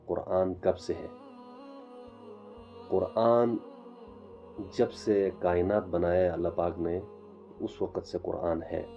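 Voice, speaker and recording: Man, low and level, self-taught religious lecturer, halting with fillers, dull lo-fi audio, faint music under. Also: little pitch movement, creaky, warm tone. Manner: halting, with frequent fillers and restarts. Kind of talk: informal religious lecture vlog.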